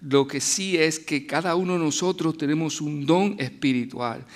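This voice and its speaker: A man's voice: a little high, moderate pace. A middle-aged man preaching a sermon as a guest speaker, telling stories in a conversational way with restarts and asides.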